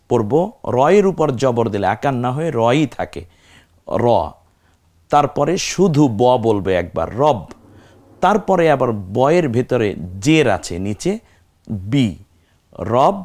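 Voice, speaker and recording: A man teaching Quran recitation, building words syllable by syllable and repeating each one slowly. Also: medium pitch, darkish tone. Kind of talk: step-by-step recitation lesson.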